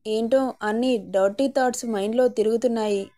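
A young husband in a spoken story, playful with his new wife and protective of her, as a woman narrator puts him on. The voice sits fairly high and mellow. It is the reader's own warm sound, barely changed. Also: steady tone, normal speed, close to an everyday voice. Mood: teasing. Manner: teasing and affectionate, turning sharp and indignant.

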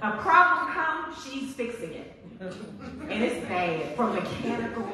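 A woman pastor preaching a sermon in a church, animated and expressive, climbing to high, loud exclamations. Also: takes it slowly, a crowd in the background. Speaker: guest pastor. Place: large church sanctuary. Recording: echoey church hall from far off.

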